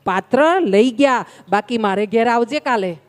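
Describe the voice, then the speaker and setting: A woman's voice: fairly high pitch, animated, normal speed, in a large hall, faint music behind, close to an everyday voice. A woman voicing a cheerful male friend and dinner guest who jokes and reassures his host. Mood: jovial. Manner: jovial, reassuring.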